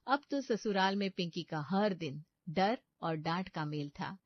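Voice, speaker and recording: A woman giving scripted storybook narration for a cartoon in an even, plain manner. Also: lowish voice, measured pace, no echo. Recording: dull, dry lo-fi voice-over.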